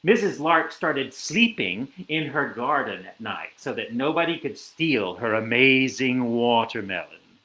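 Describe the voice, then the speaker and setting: Lively, unhurried man reading a storybook. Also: mid-range voice, reverberant, low-quality recording. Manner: animated, lively storytelling with asides. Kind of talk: reading a picture book aloud.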